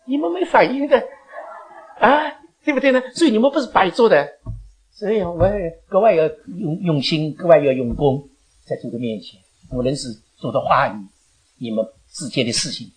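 An older woman speaking to her church congregation, animated and rambling, laughing often and slipping in English phrases. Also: on the low side, moderate pace. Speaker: elderly church member giving thanks. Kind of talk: emotional speech to a congregation. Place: church gathering.

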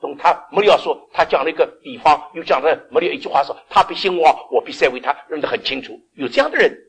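An older man preaching a sermon, often asking the congregation questions and laughing as he swings between loud and quiet. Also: on the high side, animated, fast.

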